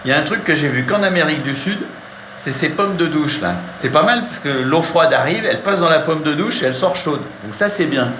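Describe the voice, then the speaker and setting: A man's voice: a little high, animated, a little fast, fairly bright tone, a little hiss or hum. A man hosting a travel show, narrating in a casual, chatty way and often laughing.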